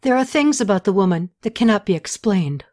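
A woman's voice: mid-range voice, animated, brisk, darkish tone, close to an everyday voice. A woman voicing a young, troubled ancient king who explains matters earnestly.

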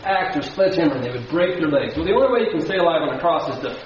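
A man's voice: a little high, animated, racing, a little hiss or hum. A man preaching a sermon as pastor to a congregation, asking them questions and building emphasis. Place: church sanctuary. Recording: dull, very echoey hall from far off.

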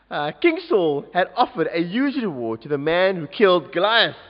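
A man leads an interactive children's story at a church service and cheerfully coaxes everyone to join in. His voice is high and animated, and he speaks slowly. The recording is dull and lo-fi, with a long hall reverb. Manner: animated, coaxing audience participation. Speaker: youth leader telling a story at a service. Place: large church.

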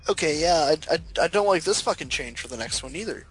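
A man's voice: on the high side, expressive, fast, a bit bright, faint music behind, rough recording. A man co-hosting a gaming show in casual, banter-style talk, swearing freely as he goes. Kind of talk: casual video game banter.

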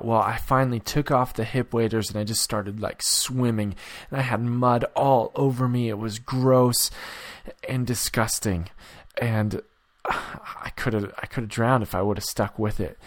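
A young man from around Vancouver gives a casual daily devotional into a close mic. He talks in a relaxed, chatty way, full of fillers and restarts, at an ordinary mid pitch for a man. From Vancouver area, Canada. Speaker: youth devotional speaker.

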